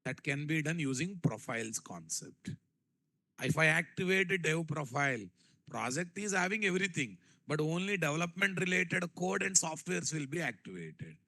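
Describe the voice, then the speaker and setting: A man's voice: on the high side, big pitch swings, normal speed, pushed and bright, no room sound, rough recording. A man with a Telugu Indian accent teaching a technical class, repeating phrases and quizzing his listeners with rhetorical questions. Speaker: programming instructor. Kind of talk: live classroom-style technical lecture.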